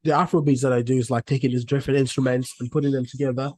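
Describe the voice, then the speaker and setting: This relaxed, rambling guest in a casual interview is a young music artist from Cameroon who keeps starting over mid-thought. He races along in a mid-range voice, with no room sound in the recording.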